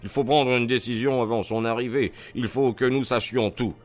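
A man voicing a sharp, decisive male detective in a read-aloud story, speaking in a measured, commanding way over faint music. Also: medium pitch, fairly even intonation, pitched above the performer's own voice, close to an everyday voice. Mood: tense.

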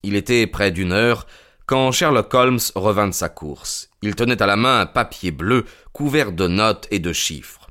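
A man playing the detective's companion, narrating the story in a steady, measured way for an audio drama. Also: lowish voice. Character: sober male companion narrating the case.

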